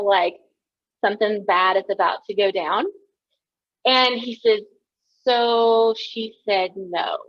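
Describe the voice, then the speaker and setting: Woman counselor, chatty and candid, higher pitch, dry muffled sound. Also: no room sound. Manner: chatty and candid, many fillers, personal storytelling. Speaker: counselor giving a talk. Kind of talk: conversational presentation.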